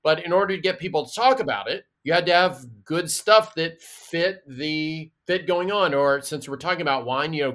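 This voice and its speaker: A man, a guest expert, explaining in a lively and chatty way with stories and asides. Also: a little high. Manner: animated storyteller, chatty asides. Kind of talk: casual explaining in an interview.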